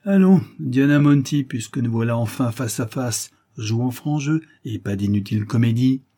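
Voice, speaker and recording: A man voicing a calm, commanding male avenger in a read-aloud adventure story, with an incisive, imperious tone. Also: mid-range voice, normal speed, natural voice.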